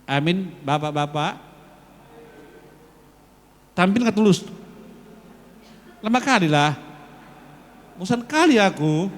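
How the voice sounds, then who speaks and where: A man preaches to his congregation, his voice sitting a little high. He talks slowly, stretching phrases word by word to drive them home. His voice rings with the long reverb of a church hall. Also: expressive. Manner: coaxing, repeats phrases slowly for emphasis, calls out to the men. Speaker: worship leader addressing the congregation. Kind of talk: lively sermon-style exhortation.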